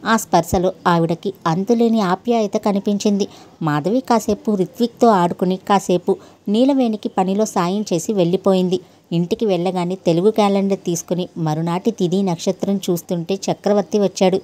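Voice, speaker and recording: A woman narrating a family story in a steady, gentle storytelling manner. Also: mid-range voice, fairly quick. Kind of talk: narrating a Telugu story, voicing every character.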